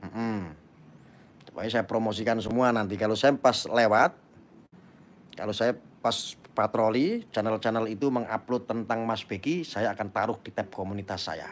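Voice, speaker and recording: A man speaks in a casual live-stream chat, his voice sitting fairly low. He talks fervently and preaches at his listeners, pressing them to act. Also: moderate pace. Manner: fervent, preachy, urging viewers. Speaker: YouTube channel host.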